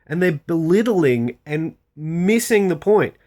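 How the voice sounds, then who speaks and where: A person on an unscripted rant, speaking bluntly and with exasperation, swearing at times and repeating phrases for emphasis in a halting way. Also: mid-range voice, lively intonation, warm tone. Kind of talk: unscripted opinion rant to camera.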